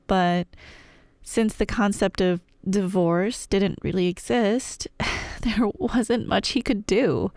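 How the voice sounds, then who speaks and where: A mid-range female voice comes through a dry recording with clean studio sound. The speaker, a roleplay performer, plays a chatty, playful, nerdy girlfriend telling myths, rambling in a wry, irreverent, slangy way as part of a scripted ASMR roleplay.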